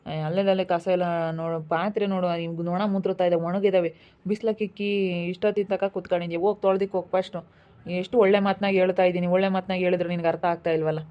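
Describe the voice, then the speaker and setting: Casting: quick-talking scolding woman, dull lo-fi sound. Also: lowish voice, level tone. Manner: scolding, nagging. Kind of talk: home-made village drama acting.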